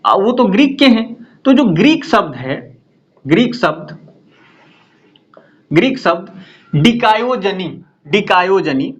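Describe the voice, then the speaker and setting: A man delivers an exam-prep lecture in a fairly high voice. He repeats key terms and checks in with his students often. The sound is dull and lo-fi. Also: sing-song, slow, pauses often. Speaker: teacher.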